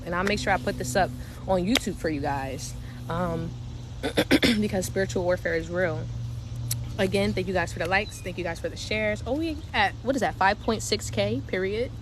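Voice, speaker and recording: Young delaware woman w/ a little new york twang, swearing and laughing on her live, crickets and cars buzzing behind, noisy mic. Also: medium pitch. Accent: Delaware with a slight New York twang. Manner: slangy, profane, laughs often. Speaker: spiritual livestream host. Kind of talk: casual livestream chat. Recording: steady background noise.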